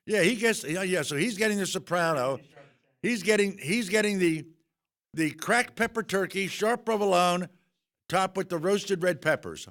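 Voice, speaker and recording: A man's voice: sits high, normal speed, a bit bright. A man hosting a casual radio chat, joking and talking with his mouth full. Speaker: host.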